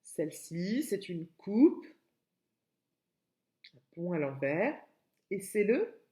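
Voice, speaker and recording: A woman's voice: fairly low pitch, sing-song, slow pace, warm tone, echoey room. A woman with a French accent teaching young children in a recorded remote lesson, patiently repeating words and splitting them into syllables. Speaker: kindergarten teacher.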